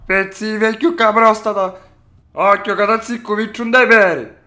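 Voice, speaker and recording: A young man with a Sicilian accent, brash and excitable, talking in a prank vlog. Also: high voice, moderate pace. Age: young adult. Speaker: prankster host. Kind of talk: prank vlog, talking to camera and to his grandfather.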